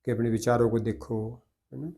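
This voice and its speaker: An older man, a guest in a conversation, remembers the past in a measured, reflective way and often corrects himself mid-sentence. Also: mid-range voice, flat delivery, creaky, dark tone. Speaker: interview guest. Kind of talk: reminiscing conversation.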